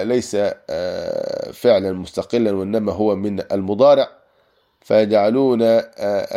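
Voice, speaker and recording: A man teaching a grammar class. His voice is mellow and sits at a middle pitch. He explains each rule patiently, repeats his examples, and pauses on hesitant fillers.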